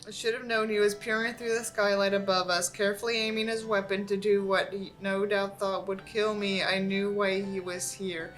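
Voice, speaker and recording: This host sounds exhausted and ill as she mocks the book she's reading, casual and sardonic, swearing along the way. Faint music sits behind her mid-range, slightly bright voice, which stays fairly flat in pitch and moves at a normal speed with few pauses.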